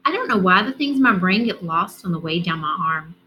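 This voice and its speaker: A woman reading a first-person children's novel aloud in a steady, expressive voice. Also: on the low side, brisk, muffled recording, slight background noise.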